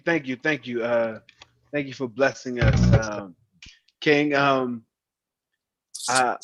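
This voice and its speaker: Brief: young male meeting host, earnest, mid pitch, dull lo-fi video call audio. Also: a bit bright. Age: young adult. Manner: earnest, repeats words when starting. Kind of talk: online meeting address.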